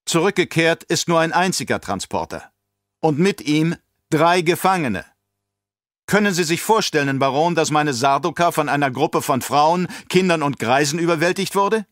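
A man voicing a cold, imperious emperor who speaks with sarcastic command and bursts into shouting. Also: a little high, expressive, moderate pace, no echo, clean studio sound, voice pushed up. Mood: mocking. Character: cold, imperious male emperor, quick to rage.

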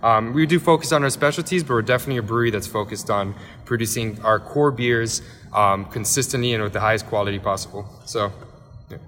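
A man in his thirties from Miami, a head brewer answering interview questions in a big tasting room, talking rapidly with many fillers and restarts. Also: lowish voice, fairly bright tone, big-room sound. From Miami, Florida.

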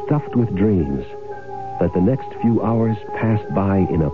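Taking it slowly, the bossy radio-drama schemer, a greedy husband working an insurance swindle, narrates first-person noir with a dramatic, swooping delivery. His low male voice has lively intonation, and he barks orders impatiently in an elated, smug mood. Music sits behind the muffled vintage broadcast.

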